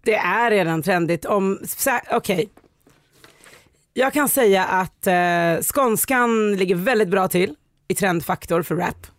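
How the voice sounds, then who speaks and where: A woman's voice: medium pitch, no echo. Woman guesting on a podcast, opinionated and chatty, dry close mic. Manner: lively, opinionated, animated. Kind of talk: casual chat.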